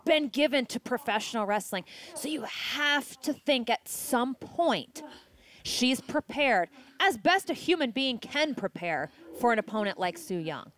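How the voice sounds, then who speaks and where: A woman's voice: a little high, lively intonation, unhurried, a bit bright. A woman giving colour commentary on a live wrestling match. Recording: clear background noise.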